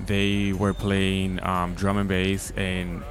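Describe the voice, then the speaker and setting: A deep, monotone voice belongs to a twenty-something man from the Dominican Republic guest DJing at an outdoor festival. He speaks slowly into a handheld mic in a relaxed interview, peppered with likes and ums, while music plays in the background.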